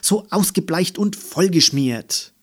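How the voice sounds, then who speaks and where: A man voicing an impatient, fussy mother in a children's story, loud and nagging. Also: high-pitched, lively intonation, slow, breathy edge, pitched above the performer's own voice, exaggerated voice. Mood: scolding.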